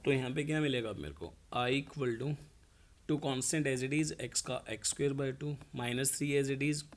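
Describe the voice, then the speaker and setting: A man's voice: mid-range voice, unhurried. A man teaching a math lesson. He explains each step and asks the class questions, then answers them himself.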